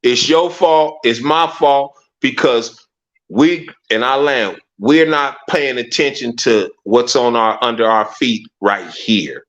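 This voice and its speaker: In a casual conversation, a man with a medium-pitched, slightly bright voice speaks slowly and emphatically, driving his points home with rhetorical questions and repeatedly telling listeners to "watch this." The sound is lo-fi.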